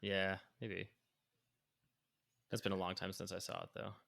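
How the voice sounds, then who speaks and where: A man's voice: low voice, flat delivery, unhurried, creaky, pushed and bright. Laid-back rambling man on a podcast. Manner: rambling, filler-heavy, swears freely. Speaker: podcast co-host. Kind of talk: casual chat.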